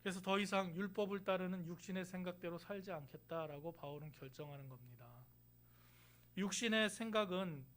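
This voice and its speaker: A man preaches conversationally in a church sanctuary, asking the congregation rhetorical questions and performing quoted lines. He speaks briskly in a high, somewhat bright voice.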